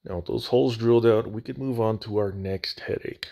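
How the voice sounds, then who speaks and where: Here the scale model channel host sounds gravelly and warm, his lowish voice moving fairly quickly. His hands-on tutorial narration stays casual, folksy and plain-spoken, and the phone microphone adds slight echo.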